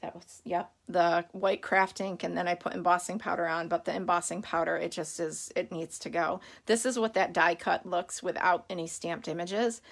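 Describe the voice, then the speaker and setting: A woman's voice: on the low side, fairly even intonation, moderate pace, vocal fry, hardly any pauses. A middle-aged woman hosting a casual live craft stream, chatty and rambling, greeting viewers by name while she has the hiccups.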